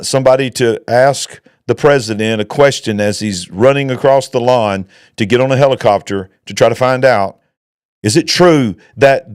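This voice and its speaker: A man's voice: medium pitch, a little mellow, clear, resonant tone, no echo, clean studio sound. A man, a pastor and show host giving emphatic, preacher-like commentary. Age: 50s. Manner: emphatic, preacher-like, rising to exclaim. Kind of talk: opinionated commentary.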